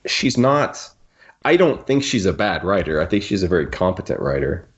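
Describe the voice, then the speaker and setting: In dull, muffled lo-fi audio, a podcast host with a low, sing-song voice offers opinionated, casual takes on a book. He keeps stopping mid-thought to rephrase.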